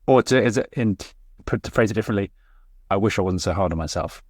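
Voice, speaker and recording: A man co-hosts a casual podcast chat in a low voice. He speaks candidly and thoughtfully, often restarting his sentences. The recording is dry and close. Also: fast talker, no room sound. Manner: candid, reflective, with hesitant restarts. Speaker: podcast co-host.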